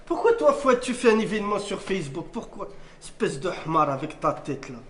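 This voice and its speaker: A man in a comedy sketch who plays a coach and gives bossy, rapid-fire orders to his team. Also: sits high, big pitch swings, noisy background.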